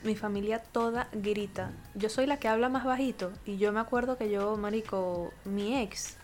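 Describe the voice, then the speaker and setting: A young woman with a Venezuelan accent, co-hosting a podcast in slangy, animated casual chat. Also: medium pitch, moderate pace, faint music behind. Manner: chatty, slangy, animated storytelling. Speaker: podcast co-host.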